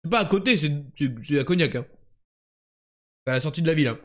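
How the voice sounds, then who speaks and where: Playing geography and word games live, a young French streamer boasts and kids around with his chat. He speaks quickly in a high-leaning, slightly bright voice with lively intonation.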